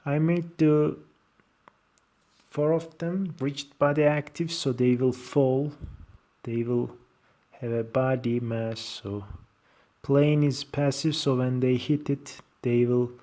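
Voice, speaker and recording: Slow-talking man with a Turkish accent. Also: medium pitch, steady tone, dark tone. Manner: halting, short fragmented phrases in non-native English. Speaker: tutorial presenter. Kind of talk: informal software screencast tutorial.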